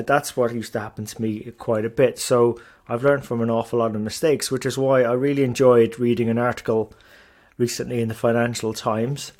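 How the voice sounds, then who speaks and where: A middle-aged man from Ireland and England hosts a solo podcast, chatting in a self-deprecating way with many fillers and restarts. His mid-range voice has a darkish tone.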